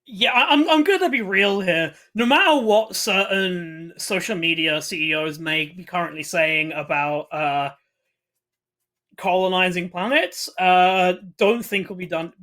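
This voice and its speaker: A woman co-hosting a podcast in casual, comedic chat who often halts and restarts mid-sentence and throws in quick asides. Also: on the low side, a bit bright. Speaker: podcast co-host.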